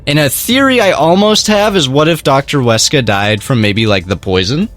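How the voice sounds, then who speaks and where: A young man who co-hosts and edits a let's play chats casually over faint background music. His voice is medium-pitched and moderately paced. He works through a mystery game animatedly, cracking jokes and laughing often.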